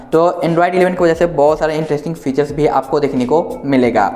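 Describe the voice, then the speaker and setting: With a fairly high, slightly mellow voice, this male tech reviewer walks viewers through phone software in a casual, explanatory and reassuring manner. The indoor room is echoey, giving the audio a roomy sound.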